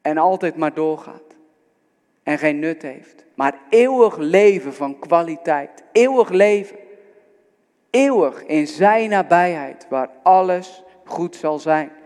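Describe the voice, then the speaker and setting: High-voiced preacher in a reverberant hall. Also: male voice, darkish tone. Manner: earnest, exhorting, speaks directly to listeners. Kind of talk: sermon. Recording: long reverb of a large hall.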